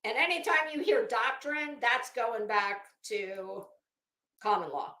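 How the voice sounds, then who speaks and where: A woman livestream host with a slightly high, sharp voice talks casually and reads aloud at a slow pace. Her manner is blunt, sardonic and salty-tongued, and the room is echoey.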